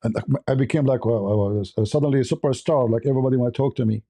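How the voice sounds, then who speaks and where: A man with an Arabic accent and a mid-range, dark voice races through a blunt, improvised monologue of opinions as a livestream host. He leans on repeated phrases to drive his points home.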